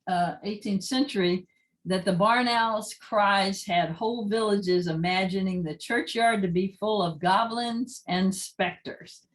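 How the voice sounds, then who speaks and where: A woman with a mid-range voice gives a casual library talk on owls, playing recordings as she goes. She is chatty and enthusiastic and apologizes for small slips, and the recording is rough.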